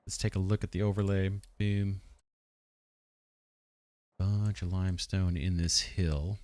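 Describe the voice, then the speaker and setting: Low-voiced man musing through a game. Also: flat delivery, darkish tone. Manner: musing, unhurried, asks himself questions. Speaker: let's play host. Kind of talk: thinking aloud while playing a strategy game.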